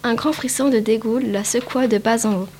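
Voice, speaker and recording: A woman's voice: fairly high pitch, steady tone, moderate pace, heavy background noise. Woman reading a picture book aloud. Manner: careful reading with small slips. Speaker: narrator. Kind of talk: storybook read-aloud.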